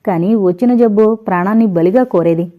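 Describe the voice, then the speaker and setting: A woman narrating a first-person audio novel in a measured, reflective storytelling manner, recorded on slightly dull, lo-fi audio. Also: medium pitch.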